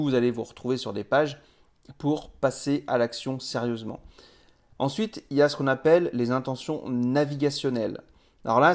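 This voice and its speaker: Man, web trainer, casual tutorial, mid-pitched voice, relaxed step-by-step explaining, hesitant fillers. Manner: chatty, explains step by step with frequent "euh" fillers.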